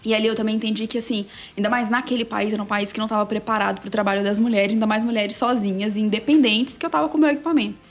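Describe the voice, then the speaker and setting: A woman sports journalist and narrator, a guest telling a story with quick, emphatic energy in a casual interview. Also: medium pitch, steady tone, soft background music.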